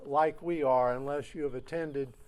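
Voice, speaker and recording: A man giving a personal memorial speech, telling an anecdote and slowing down for emphasis. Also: mid-range voice, steady tone, a little mellow. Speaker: alumnus speaker.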